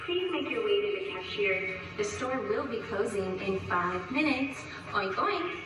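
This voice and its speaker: An actress playing a mocking woman who makes a store closing announcement over a public-address loudspeaker. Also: mid-range voice, very animated, normal speed. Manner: announcer-like with a taunting edge. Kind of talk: TV drama acting. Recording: echoey long-reverb hall from far off, with music playing.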